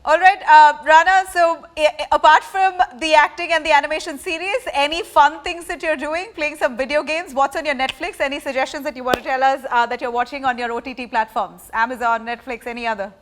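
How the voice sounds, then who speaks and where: A woman's voice: high voice, steady tone, fairly quick, few pauses. A woman with an Indian accent asking questions as the interviewer in a casual celebrity chat.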